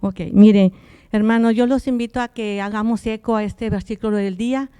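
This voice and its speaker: Female scripture reader, smooth mellow voice, emphatic church delivery, dry mic. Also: a little high, fairly even intonation, normal speed, no echo. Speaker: church member reading the verse of the day. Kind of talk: scripture reading in a church service.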